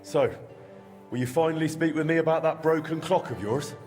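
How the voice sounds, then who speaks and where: A man's voice: a little high, moderate pace, darkish tone, faint music behind, lightly acted. An actor playing an earnest, polite young male hero in a medieval video game.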